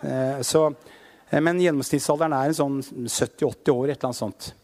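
A man's voice: mid-range voice, fairly even intonation, darkish tone, long reverb tail. A man in his fifties preaching a sermon, telling stories and rising into fervent proclamation. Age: 50s.

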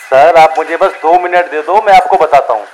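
A man's voice: on the high side, normal speed, a little hiss or hum, rough recording. A man playing a company caller in a scripted comedy phone skit, polite and exasperated.

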